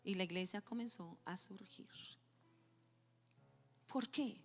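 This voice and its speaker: A woman pastor preaching a sermon, telling a story with lively acted-out dialogue. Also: medium pitch, slow pace. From Colombia. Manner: animated storytelling, acting out dialogue. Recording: long hall reverb with faint music.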